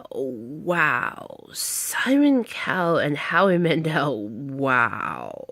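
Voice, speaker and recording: A young woman vlogger chats casually to her viewers in a phone video, rambling with lots of ums and stunned exclamations. Her voice sits on the low side, with no echo.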